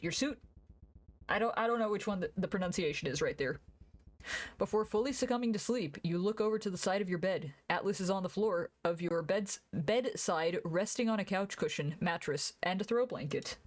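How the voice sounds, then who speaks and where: A woman streamer reading a visual novel game aloud live, playfully, with casual asides. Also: mid-range voice. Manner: playful, acts out dialogue.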